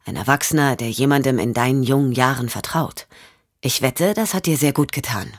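A woman voicing a calm male investigator who questions gently and patiently, for an audiobook. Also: a bass voice, brisk, dry recording, clean studio sound.

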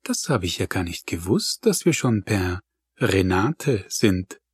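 A man's voice: deep voice, sing-song, slow pace, slightly rough, no room sound, studio quality, exaggerated voice. A man voicing a middle-aged wife with a slightly pointed tone in an audiobook. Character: sharp-tongued wife, middle-aged woman.

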